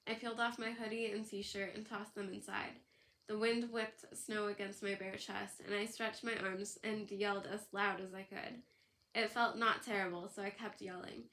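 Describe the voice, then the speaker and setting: A woman narrating an audiobook in a steady storytelling read, her pitch in an ordinary middle range. Her tone is bright and forward. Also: moderate pace. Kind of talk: scripted narration.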